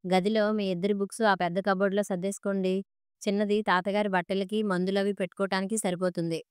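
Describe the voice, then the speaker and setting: Patient middle-aged mom, gentle but firm, read by a woman storyteller, smooth voice. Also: medium pitch, flat delivery, a little fast, dry recording, clean studio sound, natural voice.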